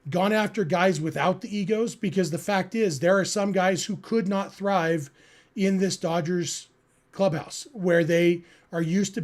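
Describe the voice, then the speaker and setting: A man from California, United States, hosts a sports podcast, answering listeners in a casual yet earnest way. His voice sits high and is a little mellow.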